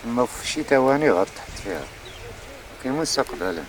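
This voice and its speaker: A man's voice: mid-range voice, expressive, fast talker, slight background noise, rough recording. A middle-aged man with a Moroccan accent explaining informally as a local guide, mixing in French words. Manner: mixes French words into his talk.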